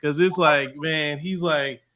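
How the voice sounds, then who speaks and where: A man's voice: fairly high pitch, fairly even intonation, takes it slowly, noisy background. A man, co-hosting a podcast in loose, rambling casual commentary full of restarts. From United States. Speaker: podcast co-host.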